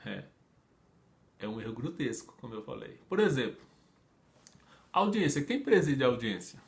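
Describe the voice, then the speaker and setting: A man with a Brazilian Portuguese accent gives an online law lecture in a medium-pitched voice with big pitch swings, vocal fry and a moderate pace. His style is conversational: he asks rhetorical questions, acts out imagined speakers, and uses frequent tag questions and fillers.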